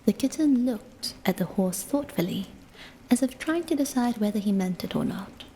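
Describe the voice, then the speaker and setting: A woman reading a bedtime storybook aloud in a soft, hushed, unhurried way, as a whispered role-play. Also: a little high, expressive, long reverb tail, a little hiss or hum.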